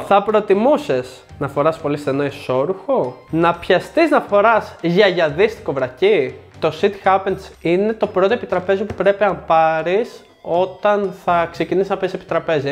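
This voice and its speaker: Young guy hosting a game review, highish voice, cracks sarcastic jokes, bit of music under it. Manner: joking, sarcastic asides. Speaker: show host reviewing board games. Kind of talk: scripted comedic presentation.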